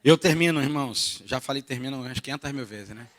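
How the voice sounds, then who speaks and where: Speaking Rio de Janeiro Portuguese, this Brazilian man is a pastor delivering a sermon at a church retreat. He's lively and jokey, shifting between quiet asides and loud outbursts, with a mid-range voice and a fast delivery.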